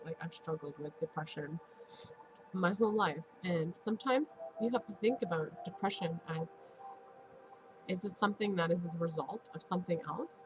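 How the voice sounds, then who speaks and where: A woman's voice: lowish voice, low-quality recording. A woman in her late thirties with a stuffy nose, talking earnestly and encouragingly to her vlog viewers, often laughing between thoughts. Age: 30s. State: congested. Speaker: vlogger and Reiki practitioner. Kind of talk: casual motivational vlog talk.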